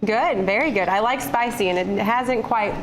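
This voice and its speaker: A woman news anchor bantering casually and quickly in the studio. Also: on the high side, a little hiss or hum, low-quality recording.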